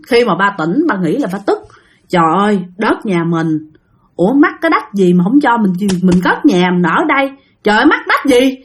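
A woman's voice: fairly high pitch, fairly bright tone, breathy edge. A woman with a Southern Vietnamese accent telling a ghost story in a chatty, casual way, often talking to her listeners directly.

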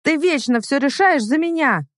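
A woman's voice: on the low side, expressive, moderate pace, darkish tone, no echo. A reader voicing a stubborn, hurt young woman in a storybook reading, pleading and emotional, in a dry recording. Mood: defiant.

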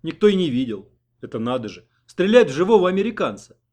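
A man's voice: on the high side, sing-song, fast, pitched above the performer's own voice. Man doing a frantic, panicky village man. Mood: dismayed. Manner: frantic, shouting. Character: agitated middle-aged village man, panicky.

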